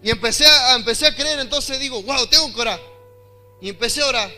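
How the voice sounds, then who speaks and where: A young man with an Argentine accent, preaching a sermon and telling a personal testimony, often building to loud, emphatic delivery. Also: very high voice, brisk, faint music behind. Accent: Argentine Spanish.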